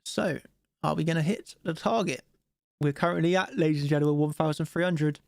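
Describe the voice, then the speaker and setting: Chatting through chart commentary on a live trading stream, a man with a stuffy nose from a cold keeps asking viewers to hit like. He talks a little fast in a slightly high, gravelly voice, and the studio sound is clean and dry.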